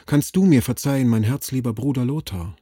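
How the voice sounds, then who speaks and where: A man's voice: medium pitch, fairly quick, dark tone, husky, no room sound, clean studio sound, natural voice. A man reading a storybook voices an anguished, volatile young man who sighs and pleads. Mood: pleading. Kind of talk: audiobook character reading.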